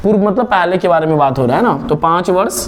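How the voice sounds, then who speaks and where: A young man from India teaches a math lesson step by step, explaining slowly and posing questions that he then answers himself. His voice is high-pitched and animated.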